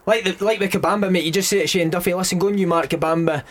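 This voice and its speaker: A quick, chatty Scottish man giving his views as a pundit on a radio football phone-in. His voice sits a little high for a man and the words tumble out fast. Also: steady tone. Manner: chatty, keeps saying "mate". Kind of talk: casual phone-in chat.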